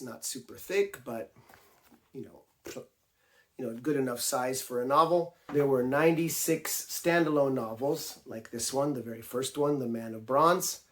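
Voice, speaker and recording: A man hosting a video about his book collection, sounding raspy because he is getting over a cold, talking casually with some ums and restarts. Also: medium pitch. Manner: chatty, with frequent ums and restarts. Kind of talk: casual talk about books.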